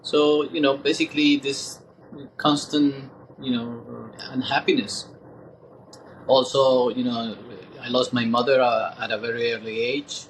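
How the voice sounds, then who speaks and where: Man in his sixties, reflective and halting. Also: mid-range voice, level tone, a little hiss or hum, poor audio. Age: 60s. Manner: thoughtful, halting, many pauses. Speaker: guest. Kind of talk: reflective interview talk.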